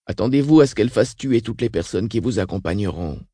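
For a grim audiobook passage, a man with a fairly low, dark, mellow voice reads fast as a frail, weakened old sister recounting horrors in an unshaken monotone. A breathy edge colors his delivery. The recording is dry and close, without echo.

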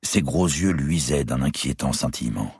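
A man narrating a historical novel as an audiobook, in a measured, dramatic way. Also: rumbling low, lively intonation, a little mellow, slightly rough, no echo, studio quality.

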